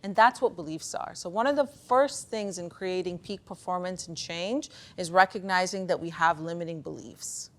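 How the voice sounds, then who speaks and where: This Pakistani woman of Afghan heritage talks casually at a conference on beliefs and performance, her voice on the low side, at normal speed with few pauses, animatedly telling personal stories and acting out bits of dialogue.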